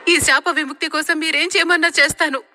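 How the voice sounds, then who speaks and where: A woman voicing a proud young woman, a priest's daughter, who talks in a scornful, sharp-tongued way. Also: high-pitched, fairly even intonation, brisk, soft background music, pitched above the performer's own voice. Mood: pleading.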